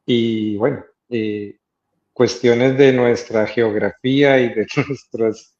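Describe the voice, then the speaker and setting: A Costa Rican man answering interview questions in a thoughtful, halting way, stopping often to gather his words. His voice sits at an ordinary pitch and sounds roomy and a little dull, as if it were recorded in an echoey space. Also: steady tone, a little mellow. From Costa Rica. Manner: hesitant, thoughtful, many filler pauses. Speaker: guest artist. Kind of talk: interview conversation.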